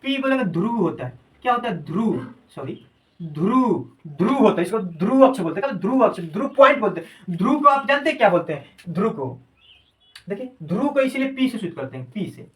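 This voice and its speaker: A man's voice: high-pitched, very animated, a little fast, recorded from a distance, poor audio. A man teaching a classroom science lesson. He repeats each term as a question and then answers it, and calls his students "babu".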